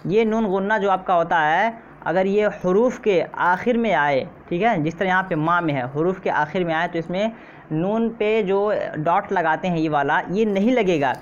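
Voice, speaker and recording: Male teacher for an exam-prep lesson, patient and repetitive, mid pitch, a little dull and noisy. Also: moderate pace. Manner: repeats questions and says "theek hai" often. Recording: slightly dull, faint noise.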